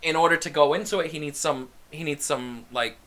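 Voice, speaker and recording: A man's voice: fairly high pitch, brisk, sharp tone. A young man hosting a casual podcast chat, laughing often and swearing casually. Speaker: podcast host.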